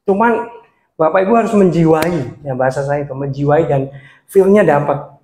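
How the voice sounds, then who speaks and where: A man with a touch, teaching beginners how to preach in a lively workshop style, swinging his pitch up and down and laughing often. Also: normal speed, a little hiss or hum. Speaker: preaching trainer. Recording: echoey room sound.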